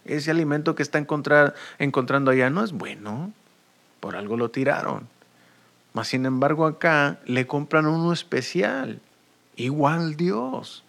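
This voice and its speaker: A man preaching a bilingual sermon as a pastor, talking slowly and deliberately, moving between two languages and repeating each point. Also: fairly high pitch, animated, vocal fry, a bit bright. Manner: switches between Spanish and English, repeating points; slow, deliberate preaching with restarts. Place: United States.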